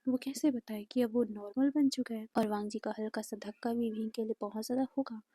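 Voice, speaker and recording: A woman telling a romance story in a soft, breathy, half-whispered way. Her voice sits a little high but sounds warm and very mellow. The recording is close and completely dry. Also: fairly even intonation, a little fast, no room sound. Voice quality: soft breathy delivery, often near a whisper. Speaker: fan fiction narrator. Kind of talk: storytelling narration.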